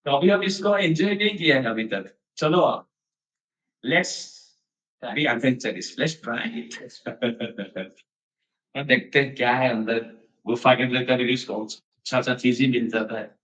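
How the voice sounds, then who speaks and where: A man's voice: medium pitch, slow pace, a bit bright. A man giving a storytelling sermon in a chatty style, mixing in English phrases and laughing now and then. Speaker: devotional speaker. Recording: echoey, distant, dull sound.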